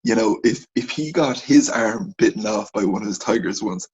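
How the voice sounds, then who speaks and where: A man co-hosting a casual sports podcast, telling animated, rambling stories in a husky voice. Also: fairly low pitch, normal speed, muffled recording, slight background noise. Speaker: podcast co-host.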